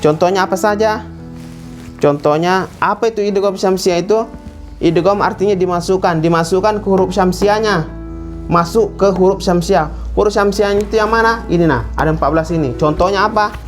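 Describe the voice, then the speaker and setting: A man teaching Quran recitation rules in a classroom lesson, stretching words out slowly to demonstrate pronunciation. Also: high-pitched, faint music behind.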